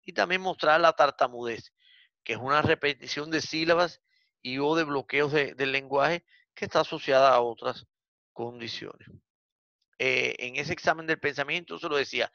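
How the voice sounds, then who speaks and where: A man giving a university psychiatry lecture, explaining step by step with frequent "eh" fillers and addressing the class as gentlemen. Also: on the high side, no room sound, highs cut off.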